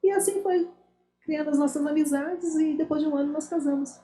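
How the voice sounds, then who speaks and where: A woman's voice: sits high, fairly even intonation, fairly quick, dark tone. A woman in her fifties telling a personal story in a chat, acting out the dialogue as she goes. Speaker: guest, missionary. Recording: roomy echo.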